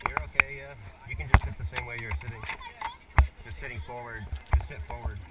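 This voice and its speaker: A man's voice: medium pitch, fairly even intonation. A man working as a rafting guide, chatting casually and giving easy, informal instructions to his crew outdoors on a river. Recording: distant mic, loud rushing water noise.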